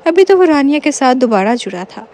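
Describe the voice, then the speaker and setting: A woman narrating a novel in a steady storytelling voice. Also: high voice.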